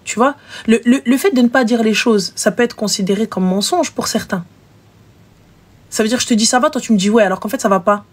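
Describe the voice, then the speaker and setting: A woman hosting a live show, giving frank, animated relationship advice and acting out little scenes. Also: on the high side, brisk. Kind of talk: casual advice chat.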